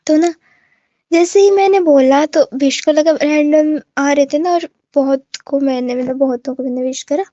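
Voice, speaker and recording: A woman's voice: high-pitched, normal speed, mellow, dry recording, lo-fi sound. A woman telling a story to her viewers in a casual, rambling way, full of fillers and restarts, often speaking to the listener directly. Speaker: gamer recounting an online incident.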